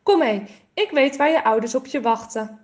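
A woman voicing a kind, friendly male forest ranger in a storybook, speaking slowly and soothingly. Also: high voice, close to an everyday voice. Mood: kindly. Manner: slow, kindly, soothing.

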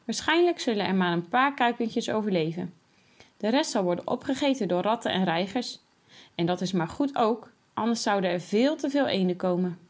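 A woman voicing a calm, patient mother who explains things gently to her boys. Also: medium pitch, moderate pace.

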